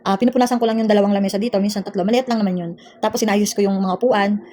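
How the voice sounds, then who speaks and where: Rapid-talking Filipina vlogger, aggrieved. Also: female voice, mid-range voice, fairly even intonation, dark tone. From Philippines. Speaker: overseas domestic worker. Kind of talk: casual storytelling vlog. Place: employer's house indoors.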